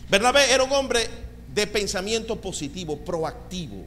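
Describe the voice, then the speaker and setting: A male pastor preaching a sermon with animated delivery and calls of amen, recorded in a church sanctuary. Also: high voice, normal speed, slight background noise. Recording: reverberant hall with faint ambience.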